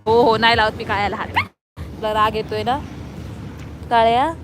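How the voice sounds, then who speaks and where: A woman's voice: fairly high pitch, flat delivery, normal speed, over music. A woman vlogging outdoors, coaxing and scolding her pet dogs in a casual way.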